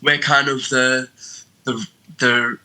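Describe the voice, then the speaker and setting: A young Australian man in his twenties from Sydney, a stage actor and dancer appearing as a guest, answers interview questions over a video call. His medium-pitched voice is level, slow, pushed and bright, and he speaks in a friendly, loose way full of fillers. The recording is rough.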